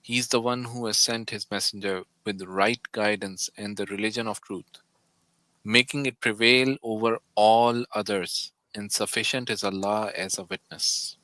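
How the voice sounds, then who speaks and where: A man on a group voice call, reciting a passage in Arabic with halting self-corrections, then reading its translation in English. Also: on the low side, steady tone, bright, forceful tone, no echo. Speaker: participant reading scripture.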